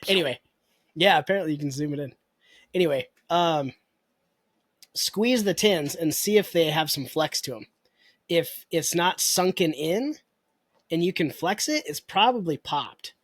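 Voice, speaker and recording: A man's voice: fairly high pitch, animated, a little slow, long pauses, no echo. A man co-hosting a podcast in casual chat, easygoing and reassuring, asking his co-host questions.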